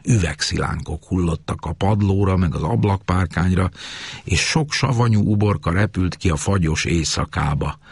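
A man reading a novel aloud in measured, scripted narration. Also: low voice, vocal fry, slightly rough, no echo. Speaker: audiobook narrator.

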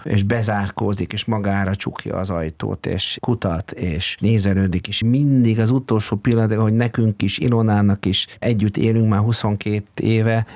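An older man, a singer and voice teacher, talking in a measured, reflective way and sometimes searching for words. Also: lowish voice, a little mellow. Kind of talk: conversational interview.

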